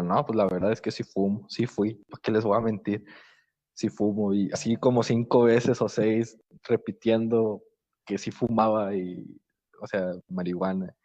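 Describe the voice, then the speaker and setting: A young man adds to the story in an easygoing, slangy way, pausing and restarting as he goes. His voice is low and warm, with a soft edge. The audio is muffled and lo-fi. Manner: laid-back, slangy, a bit halting. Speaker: podcast co-host. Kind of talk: casual storytelling chat. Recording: dull lo-fi podcast audio.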